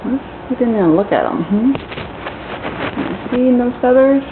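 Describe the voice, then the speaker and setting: Woman owner, high lilting pet-talk voice, tinny home video audio. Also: lively intonation, measured pace, noisy background. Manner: sing-song baby talk to a bird. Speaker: pet owner filming her bird. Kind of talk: talking to a pet.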